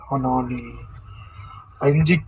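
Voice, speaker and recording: A young man from giving live commentary on a mobile game, yelling repeated words in excited bursts. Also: medium pitch, extremely slow, breathy edge, phone-quality sound. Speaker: gaming YouTuber.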